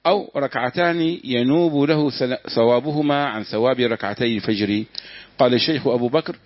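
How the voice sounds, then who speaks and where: A man reading a classical religious text aloud to his teacher, steady, with small slips he corrects. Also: mid-range voice, fairly quick, no echo. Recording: dull, dry lo-fi room recording.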